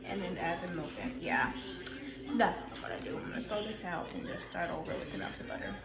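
In a home kitchen, a young female vlogger talks casually to the camera as she bakes, brisk and low-pitched, unsure and self-mocking as she thinks aloud. Loud pop music and a noisy crowd fill the roomy, echoing kitchen.

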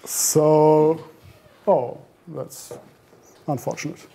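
A man in his thirties gives an informal conference-style talk at a meetup in a meeting room, captured by a far camera at the back. His fairly high voice is warm and steady, delivered very slowly with vocal fry, and he keeps saying "um", restarting, and correcting himself.

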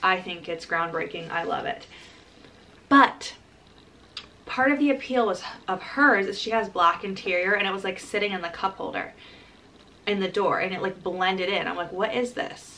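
A young woman in her early twenties vlogs in a casual, chatty way. She has a bubbly, excitable sorority-girl manner and a mid-range pitch. There is clear background noise on the recording. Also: normal speed. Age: early 20s. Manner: frequent filler "like". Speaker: college vlogger. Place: parked car and small bedroom. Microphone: camera at about arm's length.

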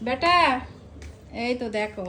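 A middle-aged woman hosts a casual home vlog, high-pitched and talkative. She nags and scolds her family at length, never running out of words. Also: lively intonation, a little slow, bright, forceful tone, a little hiss or hum. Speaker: vlogger and mother. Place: home kitchen and bedroom.

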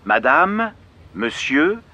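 A man presenting a radio weather bulletin in a friendly, measured way. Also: fairly high pitch, very animated, bright, forceful tone, highs cut off.

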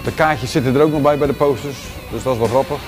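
Over music, a fast-talking man in his forties from the Netherlands leads a laid-back tour of his large indoor gym, speaking in a mid-range voice with a Rotterdam Dutch accent. His casual talk is full of fillers and restarts, captured by a handheld camera trailing him.

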